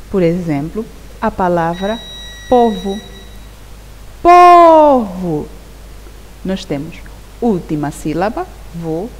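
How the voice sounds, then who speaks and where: A woman teacher explains a grammar lesson at an unhurried, deliberate pace. Her pitch moves in wide, lively swings as she keeps asking the class whether they follow. The recording carries a long reverb tail and a faint, steady hiss. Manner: slow, deliberate, repeats key words and asks "Perceberam?". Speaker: primary school teacher.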